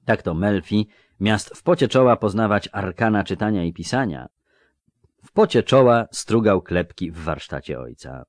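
A man narrating an audiobook in an expressive, measured reading. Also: lowish voice, no echo, studio quality.

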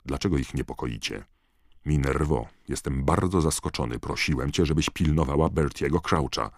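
A grave old headmaster in an audiobook, speaking in a very deep, husky, calm tone, read by a man in his own low voice. The sound is close and dry. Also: normal speed, no room sound.

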